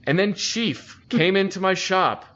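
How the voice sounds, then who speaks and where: A man with a slightly high, bright, forceful voice tells a rambling army story in a casual, profane way, acting out the people he quotes. The audio sounds dull and lo-fi, like a home stream. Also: animated, unhurried. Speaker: army veteran telling stories.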